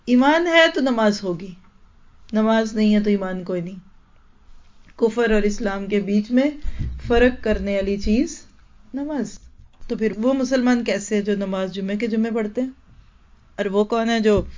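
A woman's voice: mid-range voice, darkish tone. A woman teaching in a Quran lecture, explaining verses emphatically and asking the listeners rhetorical questions. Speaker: Islamic teacher. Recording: dull lo-fi recording.

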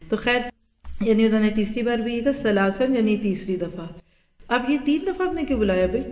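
A woman teaching a religious hadith class. She speaks in an animated way, acts out everyday dialogue and mixes English words into her talk. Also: fairly high pitch. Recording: echoey hall, dull lo-fi sound.

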